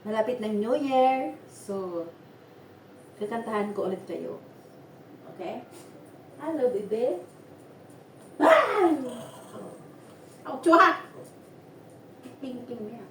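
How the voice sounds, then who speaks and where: A woman's voice: on the high side, expressive, slow, pauses often, fairly bright tone, roomy sound, far from the mic, a little hiss or hum. A middle-aged woman vlogging on a farm, chatting playfully and laughing as she baby-talks and sings to her dog. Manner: playful, laughing, sing-song teasing. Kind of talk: casual vlog chat and baby talk to a dog. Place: outdoors on a farm.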